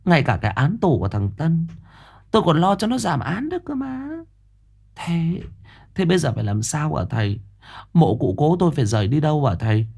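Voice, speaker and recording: A woman's voice: low-pitched, sing-song, a little fast, creaky, warm tone, breathy edge, voice pushed up, heavily acted. A man voicing an anxious, fawning middle-aged mother who pleads deferentially.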